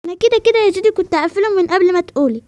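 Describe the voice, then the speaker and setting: A woman with an Egyptian Arabic accent voicing an eager, sensitive girl who runs a hair salon, in a voiced game role-play, talking in a quick, earnest, chatty way. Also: very high-pitched, mellow, dry recording. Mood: resigned.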